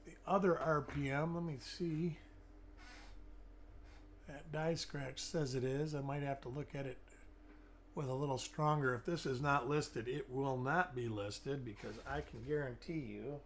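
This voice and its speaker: He's a middle-aged man hosting a live coin-hunting stream, and his voice is weak and fading since an illness. Mid-range in pitch, steady and a little slow, he greets viewers by name as he examines coins. There's slight background noise.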